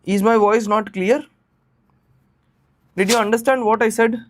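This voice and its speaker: A man's voice: sits high, fairly even intonation, measured pace, slight background noise. A man with an Indian accent teaching an informal live online class, repeating phrases and checking in with questions. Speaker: teacher of exam preparation class.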